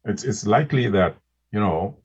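A man's voice: on the low side, expressive, moderate pace, slightly rough. A man co-hosting a casual podcast discussion, speaking hesitantly with many restarts and repeated words. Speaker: podcast co-host. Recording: muffled lo-fi podcast recording.

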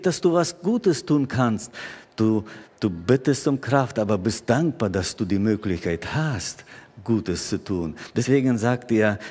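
Guy preaching, talks real slow, keeps asking the congregation stuff. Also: medium pitch, a little mellow, in a large hall. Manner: addresses listeners directly with questions, slow and deliberate. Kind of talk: sermon.

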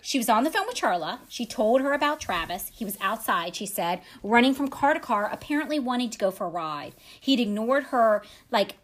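A woman's voice: a little high, animated, fairly quick, hardly any pauses. A woman podcast host retelling a true crime story with wry side comments. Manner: dramatic retelling with wry asides.

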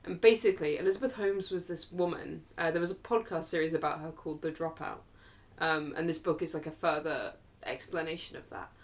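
A woman's voice: deep voice, fairly even intonation, a little fast. A woman co-hosting a podcast in casual chat, rambling with lots of fillers. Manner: chatty, lots of fillers and likes. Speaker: podcast co-host.

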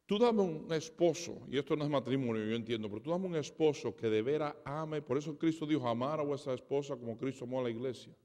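A pastor preaching a sermon, dramatic, acting out conversations and swinging between loud and soft. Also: male voice, medium pitch, fast, few pauses. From Spanish heritage. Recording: reverberant hall.

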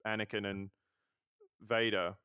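Guy hosting a podcast, keeps stumbling over words, smooth clear voice, dry sound. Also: lowish voice, flat delivery, a little slow, sharp tone, no echo. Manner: stammering, repeats words often. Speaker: podcast host. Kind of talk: casual interview chat.

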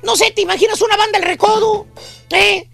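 A man with a Mexican Spanish accent, hosting a radio comedy show and telling a comic story in an exaggerated, squeaky way. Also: steady tone, brisk, gravelly, a bit bright, faint music behind. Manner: squeaky, exaggerated storytelling with calls to his "brothers".

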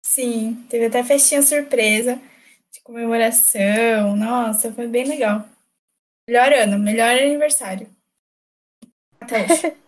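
A young woman, a new lawyer, telling a story in animated casual chat and laughing often. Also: fairly high pitch, a little slow, pauses often. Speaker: newly qualified lawyer, podcast guest.

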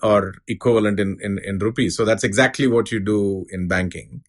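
A middle-aged man giving a measured, unscripted explanation as an expert interview guest. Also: fairly low pitch, fairly even intonation. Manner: measured, explanatory, uses analogies. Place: studio.

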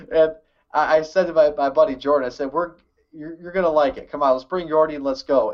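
A young man telling a story in a relaxed, halting way during a casual chat. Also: mid-range voice. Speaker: podcast co-host. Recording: dull lo-fi audio.

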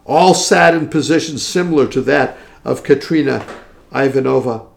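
A man reading passages aloud from a historical text and explaining them in a relaxed way, with the odd chuckle. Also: mid-range voice, moderate pace, creaky. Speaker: teacher discussing a historical text.

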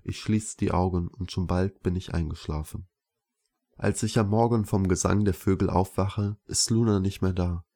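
Male audiobook narrator, low and mellow, calm and measured first-person reading.

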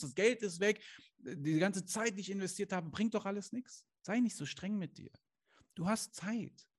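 A man with a high-pitched voice talks to camera as a life coach. He is earnest and direct, firing off rhetorical questions and sprinkling in Islamic phrases. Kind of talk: motivational coaching talk to camera. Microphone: camera he adjusts himself.

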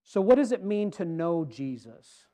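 Male pastor, sermon, high and smooth voice, earnest, shifts loud to soft. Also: sing-song, measured pace. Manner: earnest preaching, swings from loud emphasis to quiet. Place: church.

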